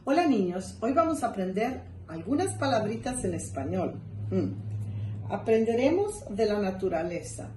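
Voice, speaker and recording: Slow, soft-toned teacher woman for kids. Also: mid-range voice, roomy sound, a little hiss or hum, poor audio. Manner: slow, gently drawn-out words for children to repeat; playful gasps of surprise. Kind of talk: children's language lesson.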